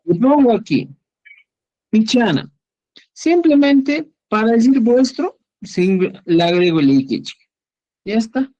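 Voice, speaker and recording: A man teaching an online class, explaining slowly and patiently, often checking that students follow. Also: sits high, darkish tone, poor audio. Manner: slow, patient, checks understanding with "¿ya?". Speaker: Quechua teacher.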